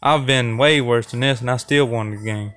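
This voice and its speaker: A man's voice: mid-range voice, fairly even intonation, moderate pace, a bit bright, smooth. A young man commentating his own gameplay in a casual, trash-talking way, with a playful, chatty delivery to viewers. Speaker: gaming channel host.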